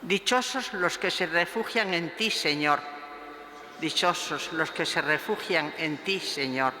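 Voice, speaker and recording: A man reading scripture and a psalm in a measured, declaiming way, his voice ringing with cathedral echo. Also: on the high side, bright, forceful tone. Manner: measured, declaiming each phrase. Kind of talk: slow solemn liturgical reading. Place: large church. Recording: echoey church with long reverb, faint hiss.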